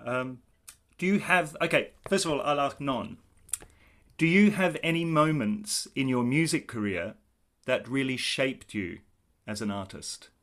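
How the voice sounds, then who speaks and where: A man's voice: medium pitch, lively intonation, a little slow, fairly bright tone. A man hosting an interview, asking questions and giving frequent short agreements. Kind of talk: casual interview.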